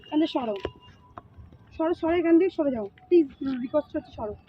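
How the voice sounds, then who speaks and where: Young woman, high-pitched, rapid, upset and insistent, muffled noisy phone recording. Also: expressive. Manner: upset, insistent, keeps repeating demands. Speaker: prank target. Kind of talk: heated argument in a prank video. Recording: muffled phone audio with loud background noise.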